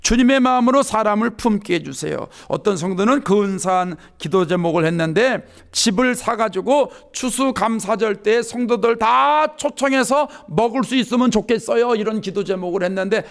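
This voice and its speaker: A man's voice: sits high, moderate pace, few pauses. A pastor giving a sermon in an earnest, conversational way, acting out sample prayers as he goes. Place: church sanctuary.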